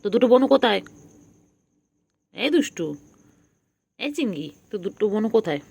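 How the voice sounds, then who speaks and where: A woman's voice: mid-range voice, sing-song, moderate pace, vocal fry, a little mellow, husky. A woman at home talking baby talk to her cats, cooing and repeating their pet names in a sing-song way. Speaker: cat owner filming her pets.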